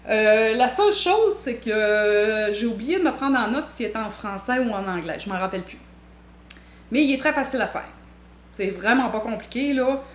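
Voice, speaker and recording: A woman's voice: fairly high pitch, lively intonation, normal speed, echoey room. A woman with a Québécois accent hosting a knitting vlog, chatting casually in a rambling, playful way with jokey asides. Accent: Québécois French.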